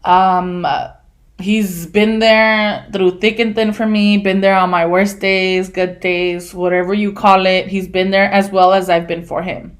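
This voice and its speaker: A woman in her twenties telling stories on a casual podcast, animated, laughing and swearing, with lots of fillers. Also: mid-range voice, a little slow. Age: 20s. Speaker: podcast co-host. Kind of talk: casual storytelling chat.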